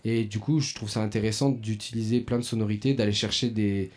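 A man, a musician guest, giving relaxed, thoughtful answers in a casual interview at an outdoor festival. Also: lowish voice, fairly quick.

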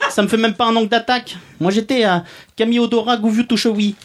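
A man's voice: very high voice, steady tone, quick pace. A man playing a pompous, sardonic podcast columnist who roasts the guest and chuckles at his own jokes. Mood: smug, mocking. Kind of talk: comic podcast chronicle.

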